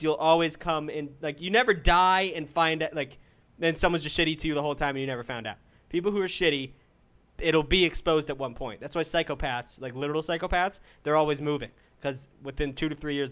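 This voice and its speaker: A man's voice: a little high, a bit bright. A man in his twenties with a New England accent hosting a call-in livestream, rambling and swearing as he gives advice. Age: 20s. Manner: loose, swearing, rambling pep talk. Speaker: call-in show host. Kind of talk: casual livestream chat.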